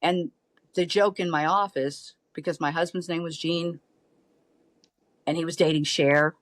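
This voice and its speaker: A woman's voice: sits low, measured pace, no echo. A middle-aged woman, a podcast guest telling a story in casual chat and acting out the voices of the people she quotes. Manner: lively, animated storyteller who acts out quoted voices.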